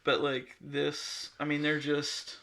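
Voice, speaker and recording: A man's voice: on the high side, slow, gravelly. A young man co-hosting a podcast, talking casually and rambling with lots of fillers. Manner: rambling, relaxed, many fillers and restarts. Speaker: podcast co-host. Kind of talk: casual chat.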